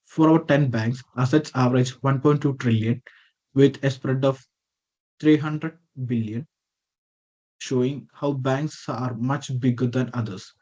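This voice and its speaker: A man's voice: mid-range voice, fairly even intonation, a little slow, mellow. Man presenting over a muffled video call. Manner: reads from a script with small slips and self-corrections. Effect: heard over a video call. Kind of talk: reading a prepared slide presentation.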